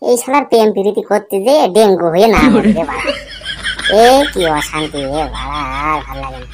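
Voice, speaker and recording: A woman's voice: mid-range voice, lively intonation, fairly quick, background noise, lightly acted. A woman voicing a fretful, grumbling young village man in a cartoon. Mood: fed-up. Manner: grumbling, swears a lot. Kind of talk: cartoon voice acting.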